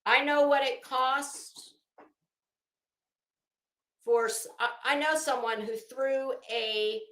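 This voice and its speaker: This online host talks slowly in a high, slightly bright voice with a steady tone. Casual and emphatic, she rambles through opinionated gossip, stretching her stressed words, in a room with echoing acoustics.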